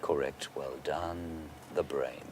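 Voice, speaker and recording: Deep-voiced male safari guide, noisy outdoors. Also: fairly even intonation, slow pace. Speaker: safari guide and live wildlife show host. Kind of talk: unscripted live wildlife commentary, answering viewer questions. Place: outdoors in an open safari vehicle. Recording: outdoor vehicle and bush ambience noise.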